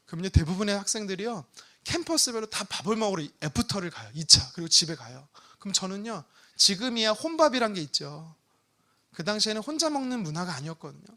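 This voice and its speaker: A male pastor preaching a Sunday sermon, telling a personal story with acted-out prayers. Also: high voice. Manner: animated storytelling with prayer re-enactments.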